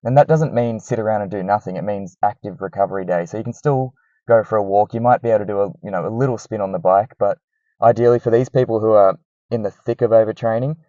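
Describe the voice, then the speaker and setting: Guy doing casual coach talk, lowish mellow voice, cheap lo-fi mic, pretty dry. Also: no echo. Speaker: running coach hosting a talk. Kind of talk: casual advice talk to listeners. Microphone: cheap microphone, close and dry. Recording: dull, lo-fi cheap microphone sound.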